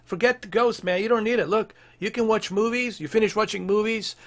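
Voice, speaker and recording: This high-pitched man speaks fairly quickly in a steady tone, captured in a dry recording. He's in his thirties, streaming gameplay from home with casual commentary, joking, swearing and teasing his chat into a large foam headset mic.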